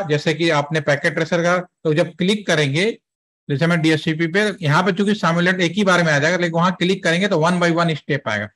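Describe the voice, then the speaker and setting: A man's voice: fairly high pitch, a bit bright. A man teaching a networking class, walking students through a demo step by step and mixing in English terms. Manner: conversational, explaining step by step with Hindi-English mixing; asks students checking questions. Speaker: networking trainer. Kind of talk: classroom lecture with software demo.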